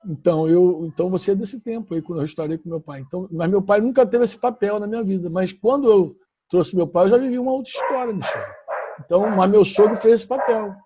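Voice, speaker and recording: A middle-aged male pastor from Brazil, his voice high and mellow, recounts a personal testimony to his church at a quick pace, with a little hiss or hum in the audio. He repeats himself emphatically and keeps correcting his words as he goes.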